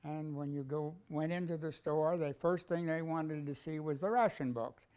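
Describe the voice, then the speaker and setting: A man's voice: on the high side, normal speed, a little mellow, clear, resonant tone. An older man from Brooklyn, recalling wartime in a matter-of-fact way. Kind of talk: oral history recollection.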